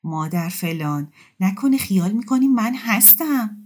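A woman voicing a coarse, bossy woman who mocks bluntly and slowly. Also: medium pitch, animated, darkish tone, voice pushed up, lightly acted. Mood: mocking, bossy. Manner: blunt, mocking, slow and pointed.

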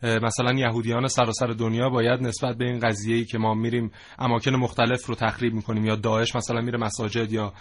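A man hosting a studio discussion, speaking haltingly with many pauses. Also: mid-range voice, little pitch movement. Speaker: host.

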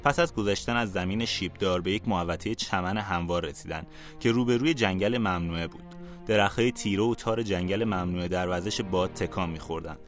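Low male storyteller, calm podcast narration over soft music.

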